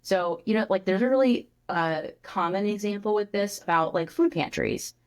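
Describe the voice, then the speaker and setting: A woman who is a guest on a podcast, explaining her ideas in an animated, casual way with many filler words. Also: medium pitch, normal speed. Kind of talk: conversational interview.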